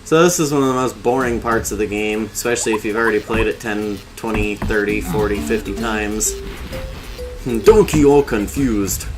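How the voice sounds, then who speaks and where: A man's voice: lowish voice, steady tone, fairly quick, hardly any pauses. A man doing casual, informal game commentary as a streamer, explaining things with jokey asides over game music.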